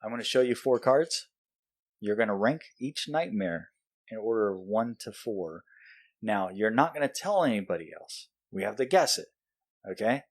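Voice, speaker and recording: A man's voice: on the low side, lively intonation, moderate pace. A man hosting a podcast in a casual, playful chat with guests. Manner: playful, joking. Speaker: podcast host.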